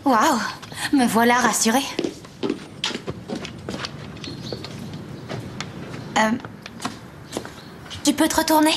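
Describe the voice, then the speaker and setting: Actress as a high-voiced, sardonic young daughter. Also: female voice, unhurried, background noise, lightly acted. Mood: flippant. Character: sardonic twenty-year-old daughter, flippant and fed up with family. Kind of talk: dubbed TV comedy-drama with narration. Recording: loud music behind the voice. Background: music.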